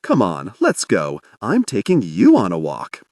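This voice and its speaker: A sarcastic female golden retriever who knows better than her owner, as a male narrator puts her on. She drawls slowly and dryly in a fairly low, lively voice, recorded close with no room sound. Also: no room sound, exaggerated voice. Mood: exasperated. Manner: slow, exasperated, sarcastic. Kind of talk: audiobook character voice.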